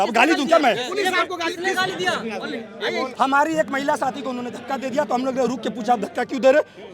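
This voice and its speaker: Heated male student leader, high-pitched and fast. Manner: heated and defiant, shouting over a crowd. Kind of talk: agitated street protest interview. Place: outdoor street protest. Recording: crowd noise at an outdoor protest. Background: crowd noise.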